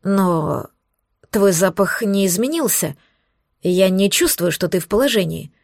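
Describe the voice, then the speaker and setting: A woman's voice: medium pitch, animated, unhurried, creaky, a little mellow, no room sound. A woman voicing an anxious male demon who fusses tenderly over his mate, in a dry close recording. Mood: worried. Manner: worried, tender questioning.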